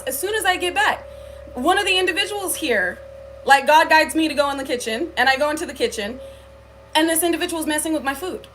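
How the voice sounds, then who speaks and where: A woman's voice: sits high, a bit bright. A woman talking to her viewers on a livestream, telling a spiritual story in an earnest way with many filler likes and ums. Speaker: spiritual reader. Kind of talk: livestream talk.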